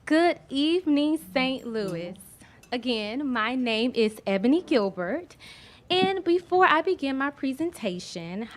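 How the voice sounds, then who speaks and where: A woman's voice: a little high, a bit bright. A woman from Miami with a thick Southern US accent, giving a personal storytelling speech as a guest author, addressing the audience directly. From Miami, Florida.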